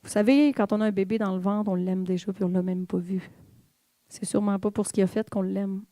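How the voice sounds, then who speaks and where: A woman's voice: medium pitch, steady tone, a little fast, warm tone, no echo. A woman with a Québécois accent giving a personal testimony sermon to a church, candid and confiding as she speaks straight to the congregation. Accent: Québécois French. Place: church in Quebec.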